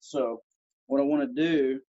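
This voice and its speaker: A man's voice: medium pitch, fairly even intonation, a little slow, dark tone, a little hiss or hum. A man teaching flintknapping step by step, demonstrating with his hands as he explains. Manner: practical, demonstrating with hands as he talks. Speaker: flintknapping instructor. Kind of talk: live demonstration over a video call. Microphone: phone. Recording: lo-fi phone audio.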